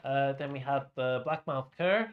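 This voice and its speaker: A man working as a bingo caller, announcing each item in turn in a measured way. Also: mid-range voice, narrow, tinny audio.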